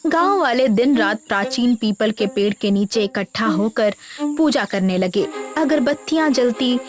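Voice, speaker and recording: Woman narrating a storybook, fairly high voice. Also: lively intonation, measured pace. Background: background music.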